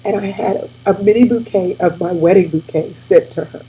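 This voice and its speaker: A woman in her forties talking casually and warmly to her viewers, tearful and near crying, calling them y'all. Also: lowish voice, fairly quick, slight background noise, low-quality recording. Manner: tearful, addresses audience as y'all. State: weepy, near tears. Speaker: host. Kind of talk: casual heartfelt talk to viewers.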